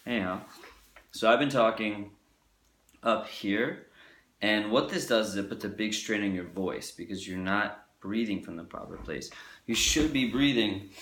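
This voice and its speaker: A man teaching singing in a loose, profane, casual way, speaking to his camera. His voice sits low. He is recorded in an echoey room that rings around him. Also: fairly bright tone. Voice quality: loose and profane, acts out timid and bold voices. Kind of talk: casual video lesson. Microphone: camera mic he handles.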